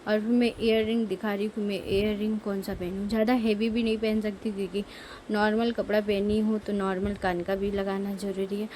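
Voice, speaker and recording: Getting ready in her home bedroom, a young woman narrates a casual vlog, wandering off topic and fixing her words partway through sentences in a homely way. She speaks a little fast at a medium pitch with little pitch movement, over a rough recording with slight background noise and a child crying and shouting.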